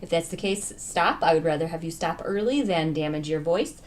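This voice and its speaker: A woman voice teacher leading a vocal warm-up lesson, explaining registers in a plain, instructive way. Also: low voice, moderate pace. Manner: instructive, talks over piano accompaniment. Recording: piano playing behind the voice. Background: piano.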